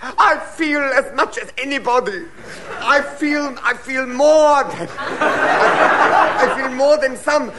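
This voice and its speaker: A man's voice: extremely high pitch, slow, bright, forceful tone, exaggerated voice. A man playing a lecherous, self-pitying mad scientist baron in a theatrical radio comedy style. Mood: wounded, self-pitying. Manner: theatrical, gloating and wheedling.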